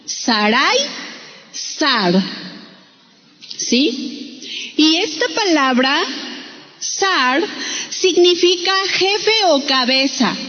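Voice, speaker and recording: A woman preaches slowly and with emphasis, her voice sitting high. She keeps turning to the congregation with questions. The sound is dull and carries a long hall reverb. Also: a bit bright, a little hiss or hum. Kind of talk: sermon.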